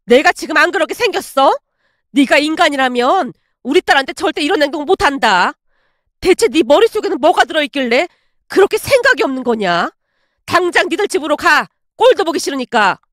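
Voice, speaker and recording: A woman voicing a blunt middle-aged mother who scolds and shouts at her daughter-in-law. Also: high-pitched, sing-song, normal speed, dry recording, clean studio sound. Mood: furious.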